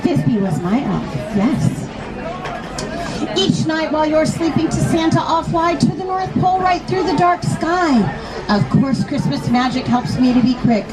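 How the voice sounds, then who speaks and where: Her voice sitting high and animated, a woman reads a picture book to a group of children at a measured pace, asking them easy questions along the way. The event is held in a large, crowded toy store, so the rough recording carries crowd noise and loud music.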